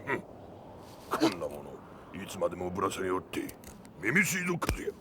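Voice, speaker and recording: An actor playing a stern older father and harsh martial arts master, speaking in a gruff, old-fashioned commanding way. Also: low-pitched, wildly swooping pitch, fairly quick, noisy background. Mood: scornful. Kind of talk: anime film dub acting. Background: loud film score.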